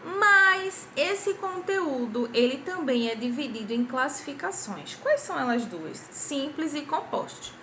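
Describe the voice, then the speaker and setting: A young primary school teacher with a Brazilian Portuguese accent speaks with hardly any pauses, animated and at a moderate pace, in a high voice. She is recording a patient grammar review for children, questioning the class and clapping out syllables, over slight background noise.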